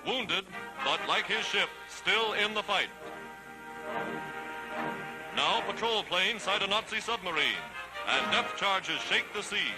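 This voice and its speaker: A man's voice: sits high, animated, takes it slowly, long pauses, rough recording. A man narrating a 1940s newsreel in a dramatic, declamatory, scripted style. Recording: vintage 1940s newsreel soundtrack, loud music. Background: loud music.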